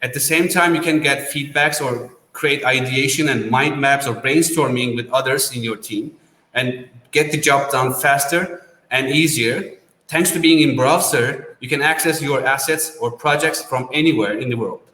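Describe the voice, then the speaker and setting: A man, a startup co-founder, giving a business pitch with non-native phrasing and frequent restarts. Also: normal speed, pushed and bright. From Turkey. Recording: roomy with long reverb.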